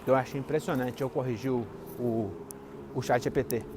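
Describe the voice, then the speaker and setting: A man's voice: mid-range voice, moderate pace, noisy background. A young Brazilian man talking to camera while walking outside, rambling and sarcastic, with faint background sound. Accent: Brazilian Portuguese. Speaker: vlogger. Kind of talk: walking vlog monologue. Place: outdoors, walking.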